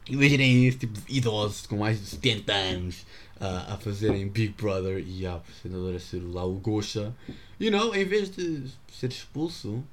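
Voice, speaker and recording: A man's voice: lowish voice, slight background noise. A young man in his teens with a European Portuguese accent, rambling jokily through a solo podcast and sprinkling in English slang. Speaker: podcast host. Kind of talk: casual solo podcast monologue.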